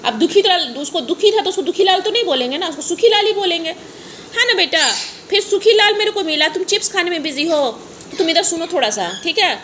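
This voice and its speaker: Brisk and expressive, this woman's extremely high voice carries a sing-song, repetitive story meant to tease her pet parrots playfully. She laughs while talking and repeats phrases, all captured in a noisy home recording.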